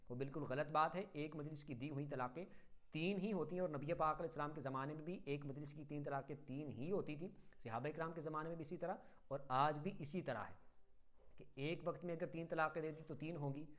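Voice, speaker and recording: A man's voice: fairly high pitch, a bit bright. Man, from Pakistan, Islamic teacher, religious lesson, methodical, firm. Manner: methodical, lists example phrases one after another; firm, instructive.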